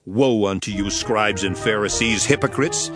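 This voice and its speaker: An actor playing Jesus as a stern, righteous preacher rebuking hypocrites in declamatory, archaic scriptural drama. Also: male voice, on the low side, natural voice. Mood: stern rebuke. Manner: declamatory, deliberate archaic oratory. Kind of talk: dramatized King James scripture performance. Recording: music under the voice. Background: music.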